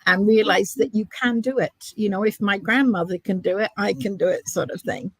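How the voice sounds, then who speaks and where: Gravelly older woman, thoughtful. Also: mid-range voice, moderate pace, dry recording. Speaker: crafter and grandmother. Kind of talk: casual video call chat. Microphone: video call.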